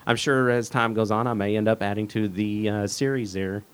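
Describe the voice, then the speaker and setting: A man's voice: on the low side, steady tone, normal speed, smooth. A middle-aged man, a guest chatting in an interview with many fillers and restarts. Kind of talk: casual interview chat.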